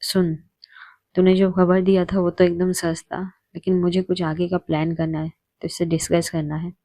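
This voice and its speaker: A woman storyteller voicing a fierce, hot-tempered young woman who turns soft and tender with the one she loves. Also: lowish voice, flat delivery, normal speed, dry recording, natural voice. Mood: low, plotting. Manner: angry outbursts, soft and tender with her partner.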